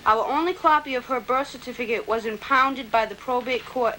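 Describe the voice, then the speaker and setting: A woman's voice: on the high side, fairly quick, bright, forceful tone, low-quality recording. Young woman on a hissy worn VHS tape. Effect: worn VHS tape copy. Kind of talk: poetry recital and reading documents aloud. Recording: hissy worn videotape copy.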